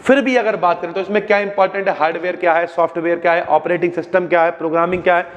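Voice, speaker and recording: This young man teaches exam revision at a racing pace but with a steady tone, recorded dully in a large hall. With his North Indian Hindi accent, he chats casually, addresses students as bhaiya (brother), reaches for homely examples, and lowers his pitch on asides.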